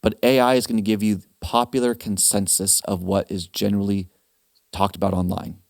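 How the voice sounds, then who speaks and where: A man's voice: lowish voice, vocal fry, no echo, clean studio sound. Man hosting a retirement webinar. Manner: animated, quick asides and restarts. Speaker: financial planner hosting a webinar. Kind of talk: casual advice talk.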